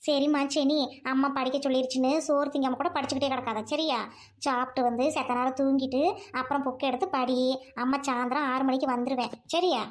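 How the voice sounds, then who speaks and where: A woman playing a caring village mother who softly coaxes her child to eat, rest and study. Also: sits high, little pitch movement, a little fast, voice pushed down, natural voice. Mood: coaxing. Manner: soft, coaxing, rural Tamil speech.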